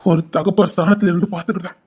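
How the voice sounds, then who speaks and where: Give me a man playing a remorseful older father with a Tirunelveli Tamil accent, scolding his daughter in a very high voice. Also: steady tone, fast talker, a little mellow, husky. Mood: pleading. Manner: scolding, then pleading.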